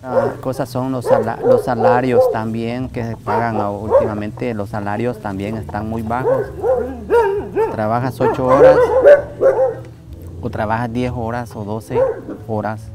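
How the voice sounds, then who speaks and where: A middle-aged man from El Salvador with a Salvadoran Spanish accent, speaking outdoors in a halting, plainspoken way with many fillers and restarts. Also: medium pitch, big pitch swings, very noisy. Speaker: migrant worker. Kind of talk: documentary interview testimony. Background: music.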